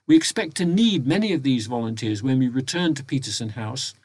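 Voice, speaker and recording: A man delivers a prepared annual report in a measured, formal manner. His voice sits at an average pitch. The sound is dry and enclosed, recorded at home inside a wardrobe. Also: expressive, darkish tone, breathy edge, no echo. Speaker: volunteer reporting to members of a local talking newspaper. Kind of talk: prepared spoken annual report, read aloud. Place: home recording inside a wardrobe, close and muffled by soft surroundings.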